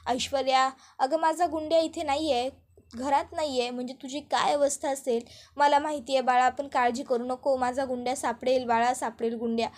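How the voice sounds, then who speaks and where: A woman's voice: high-pitched, steady tone, brisk, close to an everyday voice. A woman voicing a grieving elderly grandmother who pleads tearfully over her missing son. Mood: worried.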